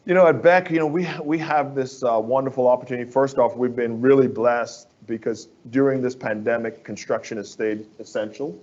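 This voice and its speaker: A man's voice: mid-range voice, fairly even intonation, fairly quick, few pauses, a little mellow, dull audio. A man from the Bahamas, a construction firm executive, speaking as an interview guest in an earnest, persuasive way that repeats phrases for emphasis.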